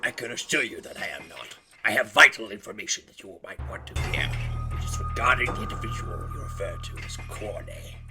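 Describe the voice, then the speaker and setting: A secretive male informant on a codec call, put on by a man, his voice altered by a voice changer into something low and gravelly. He speaks formally and cryptically, often dropping to a hush, and his pitch swings widely. Music plays clearly behind him. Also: animated, fairly quick.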